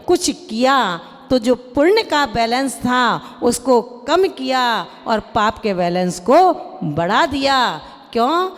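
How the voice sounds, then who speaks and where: A woman preaches a slow, deliberate sermon in a fairly high voice, pausing to chant scripture verses. She questions and chides her listeners directly. Her voice rings with the long reverb of a large hall. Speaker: Jain nun preacher.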